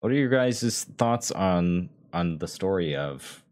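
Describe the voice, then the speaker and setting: A man's voice: low-pitched, expressive, slow pace, darkish tone. A man hosting a podcast in casual discussion, in a loose style full of filler words. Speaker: podcast host.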